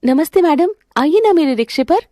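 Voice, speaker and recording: A woman's voice: sits high, expressive, fairly quick, warm tone, dry recording, clean studio sound, pitched above the performer's own voice. A woman doing a proud young rickshaw-driving bride. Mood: polite. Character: young daughter-in-law rickshaw driver, hardworking and proud.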